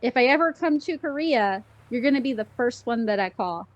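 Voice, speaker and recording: A woman hosts a relaxed interview, her voice a little higher than usual. She asks questions in a friendly, upbeat manner and thanks her guest warmly. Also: a little fast, no echo, dull audio. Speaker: host. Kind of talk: casual interview.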